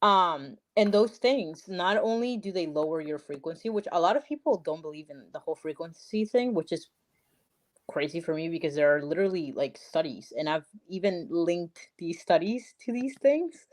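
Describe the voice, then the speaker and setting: A woman's voice: lowish voice, lively intonation, moderate pace. A young woman from Peru, talking as a podcast guest in a chatty, emphatic way, full of likes and literallys. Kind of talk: casual interview chat.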